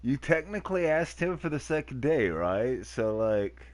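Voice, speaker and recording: A man's voice: mid-range voice, big pitch swings, normal speed, no room sound. A man streaming a dating game, making casual jokey and mock-outraged comments.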